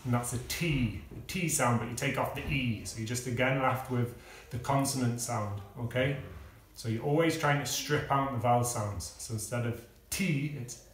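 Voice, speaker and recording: A man giving a casual music lesson, explaining step by step with pauses and fillers. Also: mid-range voice, recorded from a distance, noisy background. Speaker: music teacher. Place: kitchen. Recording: echoey room, speaker away from the mic.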